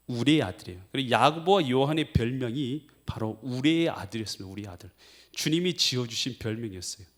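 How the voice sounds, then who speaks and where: Animated male pastor quizzing his congregation. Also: medium pitch. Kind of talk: sermon.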